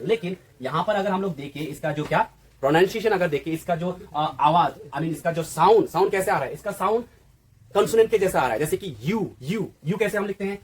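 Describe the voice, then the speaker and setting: A man's voice: high voice, slightly rough. A man teaching an English grammar lesson who keeps asking the viewer questions and answering them himself. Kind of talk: classroom-style lesson.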